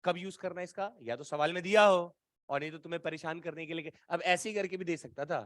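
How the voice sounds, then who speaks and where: A man from Bihar teaching physics to a live class, with a high, bright voice. He teases and quizzes the students constantly in a chatty way. The sound is close and dry. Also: fast, no room sound. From Bihar, India.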